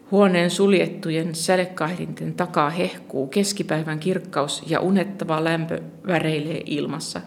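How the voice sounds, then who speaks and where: A narrator reading a first-person short story in a calm, steady storytelling manner. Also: medium pitch, creaky, slight background noise.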